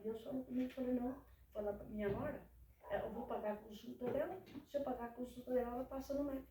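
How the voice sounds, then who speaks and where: A woman's voice: a little high, steady tone, quick pace, warm tone, slight background noise. An older woman telling her life story in casual talk, devout and often quoting prayers and her grandmother. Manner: devout, retells prayers and quotes elders. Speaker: interviewee. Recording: echoey room from far off.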